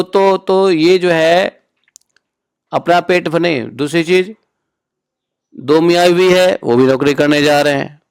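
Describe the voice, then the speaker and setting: A man's voice: a little high, smooth, no echo. Man giving a dry, plain scripture talk. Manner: asks listeners rhetorical questions; informal, storytelling asides. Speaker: spiritual teacher. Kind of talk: conversational scripture discourse.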